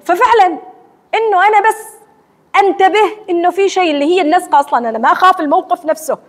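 A woman with an Omani accent giving a religious lecture to women in a mosque hall, asking and answering her own questions in a lively teacherly way. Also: very high voice, rapid-fire. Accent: Omani Arabic. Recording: long hall reverb.

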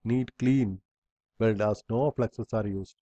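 A man's voice: lowish voice, fairly even intonation, slow, dark tone. Man reading lecture slides, dull lo-fi sound. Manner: reads bullet points in short fragments, with slips and restarts. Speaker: instructor.

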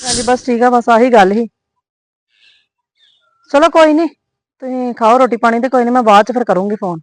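A woman's voice: a little high, fairly quick, no echo, lightly acted. A woman playing a young wife in a web series drama, placating but firm as she talks on the phone. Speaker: daughter-in-law.

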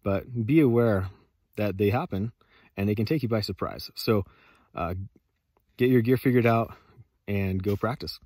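Man, thirties, lowish voice, casual instructional vlogger, halting delivery, cramped snow shelter, dry acoustics. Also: a little mellow, dry recording. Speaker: host of an outdoor radio channel. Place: inside a small snow shelter under a tarp. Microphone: phone or camera at arm's length.

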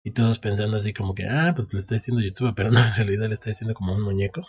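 A man's voice: fairly low pitch, steady tone, racing, a little mellow, muffled recording. A man recapping a manga chapter in a casual way, reading the lines aloud with frequent restarts. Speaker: anime recap host. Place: at home.

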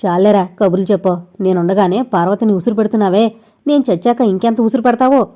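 A woman voicing a sharp-tongued elderly mother with a loud, ringing voice who scolds and shouts at her son in an audio novel. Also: medium pitch, fast talker, natural voice. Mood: angry scolding.

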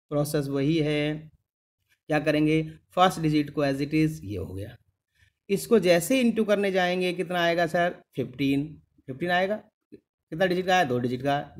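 Teaching maths to a class, this middle-aged man speaks with a darkish voice that sits on the high side. He keeps repeating steps with patience, calls the students "beta," and constantly asks "clear?" to see if they follow.

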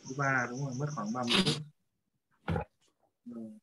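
A man's voice: medium pitch, very animated, moderate pace, gravelly. A male language teacher leading an online class, patiently checking students' answers over a video call. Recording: muffled lo-fi audio with faint hiss.

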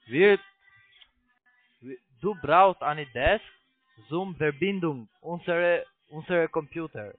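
Faint music plays behind an investment scam caller on a narrow, tinny phone connection. The fairly high-voiced man, whose first language is not German, makes a sales pitch in halting, broken German with a foreign accent, often stopping and starting his sentences over.

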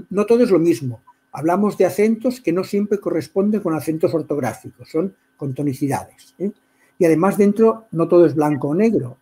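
A middle-aged man from Catalonia with a Catalan accent, giving an informal talk on poetry to a writers' group, stopping often to clear his throat and restart his sentences. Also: a little high, mellow, rough recording. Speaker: workshop speaker on poetry.

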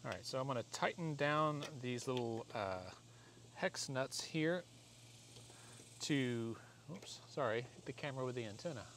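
This is an American man's casual, conversational how-to vlog about installing a product, full of rambling and self-deprecation. His medium-pitched, fairly bright voice has lively intonation and a measured pace. A camera or phone mic at arm's length to a few feet captures noisy audio in a driveway and a parked car, with ambient noise clearly audible.

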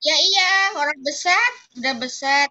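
A woman's voice: high voice, normal speed, sharp tone, muffled recording. A young woman teaching kindergarten children in an online class, coaxing and playful in a singsong way.

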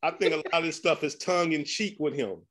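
A podcast host with a slightly high voice talks quickly and casually over a loud crowd. He laughs a lot and keeps tacking "man" onto his sentences.

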